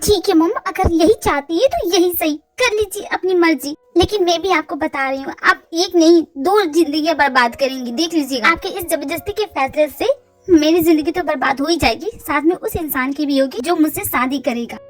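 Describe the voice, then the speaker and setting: A woman's voice: sits high, moderate pace, soft background music, close to an everyday voice. A woman voicing a heartbroken young woman who resents a forced marriage. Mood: defiant. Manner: bitter, resentful.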